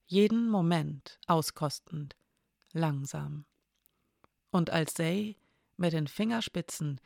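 A calm, measured storyteller reading aloud. The voice has a gravelly edge in a middle register. The recording is close and dry, with no room echo. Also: mid-range voice. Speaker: narrator. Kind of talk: audiobook reading of an intimate story.

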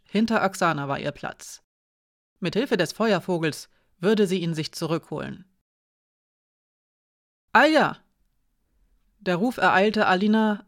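A woman narrating a fantasy audiobook in a calm, even storytelling manner. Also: medium pitch. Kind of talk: scripted narration.

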